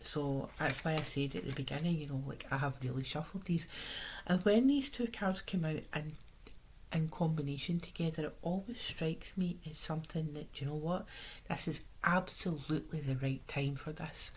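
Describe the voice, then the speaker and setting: A Scottish woman with a hoarse, sore-throat voice, chatting casually through a tarot reading in a rambling, conversational way. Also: sits low, normal speed, a little mellow, rough recording.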